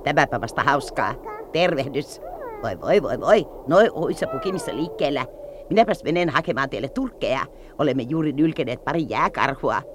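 A man's voice: fairly high pitch, sing-song, background noise. An actor in a 1960s radio play voicing a hearty, hospitable man of the far north.

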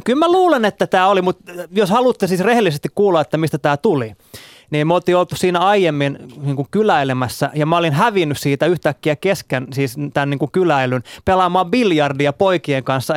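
A man co-hosting a live radio talk show, telling stories about being a dad in a wry, self-deprecating, measured way. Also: fairly high pitch, clean tone, no echo, clean studio sound. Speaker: father, radio show co-host. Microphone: studio microphone.

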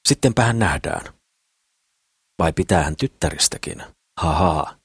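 A man's voice: sits low, expressive, slightly rough, no echo, clean studio sound, full character voice. A man voicing a jovial young businessman who laughs things off.

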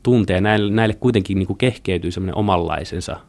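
Low, gravelly man talking hesitantly. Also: a little mellow. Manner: colloquial, hesitant, many fillers and restarts. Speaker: author. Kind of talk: casual interview talk.

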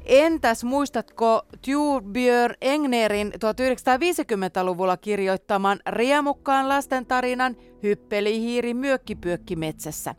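A woman radio host presenting audio dramas in a smooth, scripted way. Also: fairly high pitch, hardly any pauses, faint music behind.

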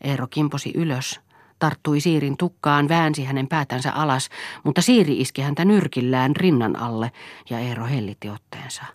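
Nainen lukee romaania äänikirjaksi tasaisen harkitusti kertoen. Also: female voice, extremely low pitch, no echo, studio quality. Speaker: audiobook reader. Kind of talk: novel narration.

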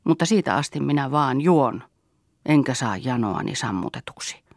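A man's voice: medium pitch, expressive, no room sound, studio quality, natural voice. A man voicing a male drinker earnestly confessing his endless thirst. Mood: rueful.

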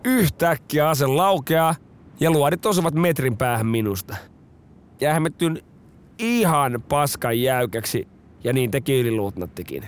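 A man hosting a podcast, narrating a scripted true story with expressive delivery. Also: medium pitch, slight background noise.

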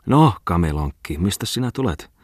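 A man's voice: deep voice, big pitch swings, a little mellow, slightly rough, dry recording, studio quality, heavily acted. A man voicing a fat, drowsy male bookseller who grumbles from his bed, exclaiming and yawning. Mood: grumbling.

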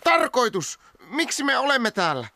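A man voicing an eager, excitable male stoat in a radio comedy. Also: slight background noise, exaggerated voice. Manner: jumpy, quick exclamations, lively pitch swings.

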